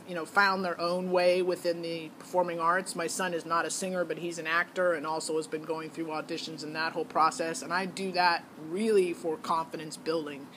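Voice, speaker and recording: A middle-aged mother recounts her child's audition in a candid, casual, opinionated way. Her voice sits on the low side and sounds a bit bright, and the rough recording carries noticeable background noise.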